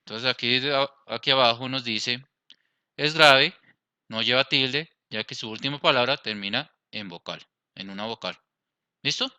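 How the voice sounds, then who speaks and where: A man's voice: mid-range voice, normal speed, pushed and bright, clean tone, no echo. A man with a Colombian accent teaching a Spanish grammar lesson, explaining step by step and checking in with his class. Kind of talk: grammar lesson over slides.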